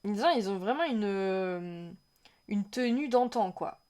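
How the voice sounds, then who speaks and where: A woman with a mid-range voice reacts casually to a game trailer on a stream, speaking at a measured pace. She chats with viewers and reads their messages aloud, rambling in an excitable way.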